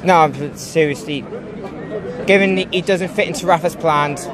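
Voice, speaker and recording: A man's voice: on the high side, fairly even intonation, moderate pace. A man giving a jokey football opinion on the street. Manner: jokey, laughing. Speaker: football fan interviewee. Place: outdoors on a busy street. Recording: crowd and street noise.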